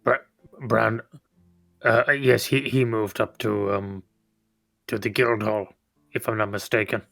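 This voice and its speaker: Gravelly, slow, flat-voiced man role-playing. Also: on the low side, faint music behind. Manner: hesitant, polite, many fillers. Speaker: player. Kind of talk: in-character tabletop role-play.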